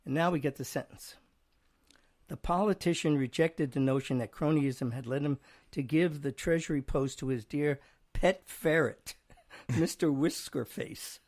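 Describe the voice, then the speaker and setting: A man's voice: a little high, darkish tone. A man hosting a casual chat, playfully reading out word definitions and example sentences. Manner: playful, chuckling, reads aloud slowly at times. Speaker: host.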